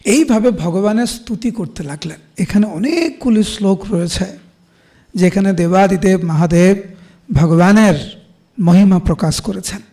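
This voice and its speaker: A middle-aged man with a Bengali accent giving a devotional scripture class, explaining with everyday examples and slowing down to recite verses. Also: high-pitched, warm tone. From India. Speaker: preacher.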